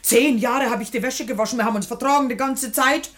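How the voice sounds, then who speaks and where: A woman's voice: a little high, fast, fairly bright tone, natural voice. A woman playing a sly, stubborn washerwoman in a classic radio play. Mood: defiant.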